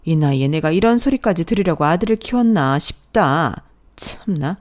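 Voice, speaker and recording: A woman's voice: fairly low pitch, animated, normal speed, a little mellow, close to an everyday voice. A woman voicing a nagging, sarcastic older mother-in-law who scolds as she speaks.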